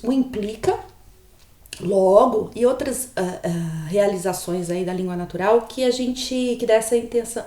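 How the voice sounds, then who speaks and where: A woman's voice: medium pitch, darkish tone, echoey room. A woman giving a logic lecture, patiently explaining and often checking in with her students. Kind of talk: recorded online lecture.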